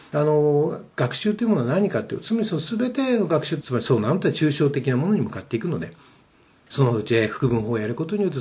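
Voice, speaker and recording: A man's voice: mid-range voice, darkish tone. A man giving a spoken lecture on study methods, explaining emphatically and posing rhetorical questions.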